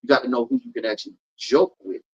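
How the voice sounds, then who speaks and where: A comedian and event host from Polk County, Florida talks casually in an interview, telling stories in an animated, emphatic way and riffing repeatedly. His medium-pitched voice is husky and fast, and the audio sounds dull.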